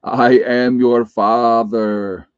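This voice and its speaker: A man hosting a homestead livestream, his voice chopped into a warble as if he is talking into a spinning fan, drawing his words out slowly. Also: mid-range voice, little pitch movement, smooth, dry recording, dull audio. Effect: warbling sound as if talking into a spinning fan. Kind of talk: casual chat.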